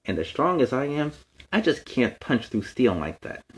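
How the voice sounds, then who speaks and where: Children's storytime host as a friendly young superhero, man acting, mid-pitched, highly varied intonation, explanatory and kid-friendly. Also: big pitch swings, normal speed, natural voice. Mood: earnest, animated. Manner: kid-friendly, explains words and gives advice. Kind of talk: animated storybook reading with chatty asides.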